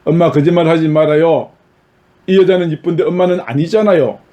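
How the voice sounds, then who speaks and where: A pastor voicing a young daughter who speaks in a whiny, tearful, pleading way. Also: male voice, fairly high pitch, a little fast, mellow, lightly acted. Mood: upset.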